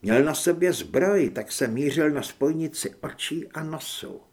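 Man narrating a tense audiobook. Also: fairly high pitch. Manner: first-person, tense, steady. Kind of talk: scripted narration.

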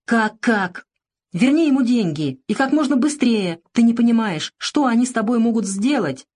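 A woman's voice: medium pitch, lively intonation, moderate pace, darkish tone, voice pushed up, natural voice. A woman reading the part of a frightened young woman who sobs and pleads on the phone, in an audiobook. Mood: frantic. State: sobbing.

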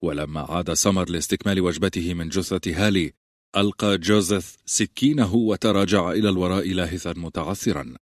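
A man reading a novel aloud as an audiobook narrator, with steady storytelling. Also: low voice, brisk, dry recording, studio quality. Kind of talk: scripted narration.

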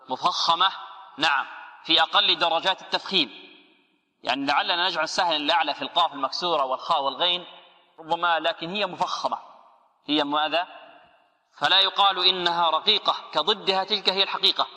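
Bright-voiced man teaching Quran recitation. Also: a little high, long reverb tail. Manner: asks the class questions and answers them himself, models recitation slowly. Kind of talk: radio tajweed lesson.

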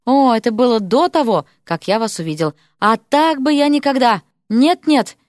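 A woman voicing a young male mage who pleads and flatters with gushing earnestness. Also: fairly high pitch, moderate pace, dry recording, studio quality, voice pushed up, close to an everyday voice. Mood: pleading, gushing.

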